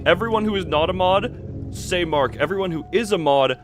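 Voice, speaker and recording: His voice sits high and moves at normal speed. As a livestream host, the man chats casually, exclaiming and acting playfully exasperated, while loud music plays in the background.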